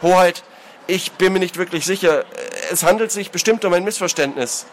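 A man's voice: on the high side, lively intonation, normal speed, fairly bright tone, slight background noise, pitched above the performer's own voice. A man doing a bewildered, pleading mercenary. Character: anxious, puzzled male mercenary, younger brother type.

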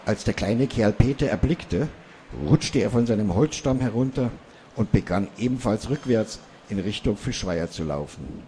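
A man calmly reading a children's story aloud. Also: fairly low pitch, a little hiss or hum.

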